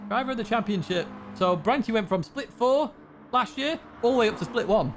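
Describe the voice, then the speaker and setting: Male sim-race caster, high and very animated, chatty, faint game noise behind. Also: fairly quick. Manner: excitable, chatty, laughs along. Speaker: race commentator. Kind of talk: live sim racing commentary.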